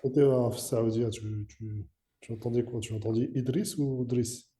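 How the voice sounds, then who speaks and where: An adult man answers his teacher in a one-on-one language lesson. His replies are brief and hesitant, in a very dark, mellow voice. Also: mid-range voice, steady tone, unhurried. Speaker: adult student.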